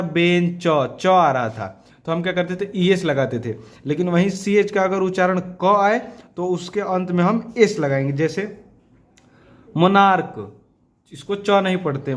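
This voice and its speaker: A man teaching a grammar lesson, asking questions and answering them himself, repeating key points and slowing down to spell out each rule. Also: sits high. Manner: slows down and stretches words when stating rules. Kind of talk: classroom lesson explaining rules.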